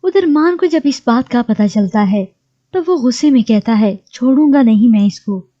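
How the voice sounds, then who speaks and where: A woman narrating a recap of a TV drama in a steady storytelling read. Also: fairly high pitch, moderate pace, lo-fi sound.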